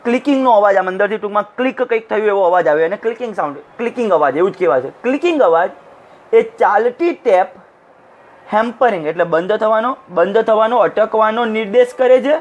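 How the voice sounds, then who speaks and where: A man's voice: high voice, animated, a little fast, lo-fi sound. A man teaching a class, explaining an English lesson line by line, translating each phrase and briefly acting out the lines. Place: recorded for an online class.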